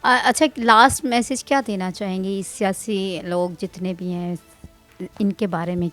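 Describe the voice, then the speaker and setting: A woman's voice: mid-range voice, steady tone, fairly bright tone, soft background music. A woman interviewer asking polite, encouraging questions in a casual interview.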